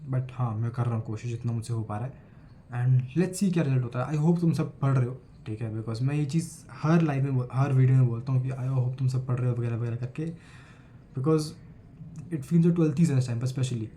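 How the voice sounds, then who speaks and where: A mellow, medium-pitched male voice at a moderate pace comes through with a little hiss or hum. The speaker, an 18-year-old student vlogger with an Indian accent, earnestly talks to camera in a casual vlog, recovering from a cold and mixing Hindi with English.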